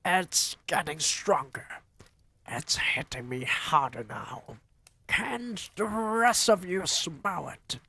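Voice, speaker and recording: Penyihir perempuan yang gelisah dan berhidung tajam, saat seorang pria memerankannya berseru dengan pekikan tinggi. Suaranya keras dan dramatis, dibacakan dengan tempo lambat. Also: male voice, fairly high pitch, lively intonation, slow pace, gravelly, bright, forceful tone, husky, pitched above the performer's own voice, full character voice. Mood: urgent alarm. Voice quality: shrieking. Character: shrill sharp-nosed female witch sniffing out a child.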